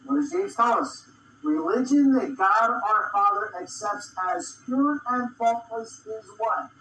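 A man teaching scripture in a church meeting room, slowly asking rhetorical questions, heard in a distant, echoey recording played back. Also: very high-pitched, bright, forceful tone. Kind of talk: sermon-style Bible teaching.

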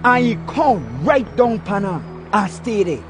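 An actor playing a fervent desert prophet in a dubbed film, earnest and declamatory, with a Belizean Kriol accent. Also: male voice, high voice, animated, normal speed. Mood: earnest testifying. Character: fervent male desert prophet, long-haired preacher. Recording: music behind the voice.

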